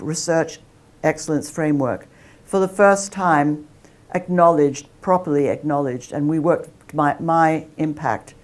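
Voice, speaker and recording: Speaking in a deep voice, a woman academic gives a talk and fields audience questions. She is chatty and self-deprecating, restarting her sentences frequently.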